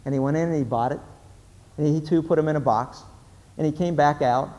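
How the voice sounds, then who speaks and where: A man's voice: on the high side, brisk. A middle-aged man preaching a sermon, telling stories and acting out the people in them. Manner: storytelling, animated, acts out the people in his stories. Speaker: pastor. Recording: long hall reverb.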